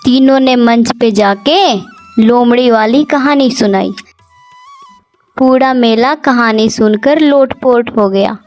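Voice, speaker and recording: A woman narrating a cartoon story in a gentle, measured storybook manner. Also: on the high side, soft background music.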